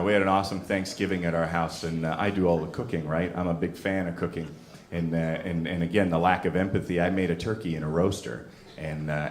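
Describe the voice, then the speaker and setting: A man doing a stand-up comedy set on a club stage, brash and teasing the crowd. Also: deep voice. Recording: live club, crowd laughter. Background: audience laughing.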